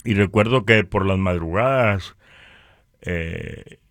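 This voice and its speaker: A northern Mexican man speaks in a Mexican accent, offering a religious testimony in a conversational, halting way with repeated words. His voice is low and a bit bright. The recording is dry, with a clean studio sound.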